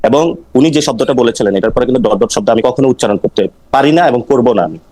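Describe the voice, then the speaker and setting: Rapid-talking male politician on the defensive. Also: medium pitch, warm tone, poor audio. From Noakhali, Bangladesh. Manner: rapid, insistent, repeats himself when explaining. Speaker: politician guest. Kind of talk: defensive interview answers.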